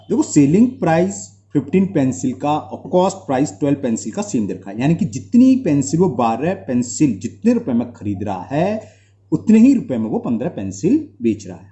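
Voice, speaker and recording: A man's voice: on the high side, mellow, slight background noise. A man tutoring maths, stepping through worked solutions and asking and answering his own questions as he writes. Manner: talks while writing, asks and answers his own questions, mixes Hindi and English. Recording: dull lo-fi recording.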